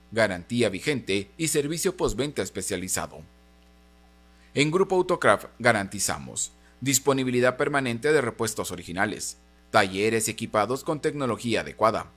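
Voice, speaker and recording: Formal male corporate spokesman, mid-pitched. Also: fairly bright tone. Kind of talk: formal scripted statement read aloud.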